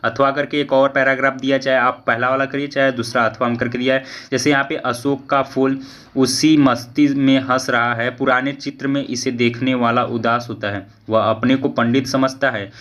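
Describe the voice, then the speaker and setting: A male teacher going through an exam paper, reading each question aloud, slowing down for the verse passages and often checking in with an "okay". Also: medium pitch, fairly bright tone. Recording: dull lo-fi audio.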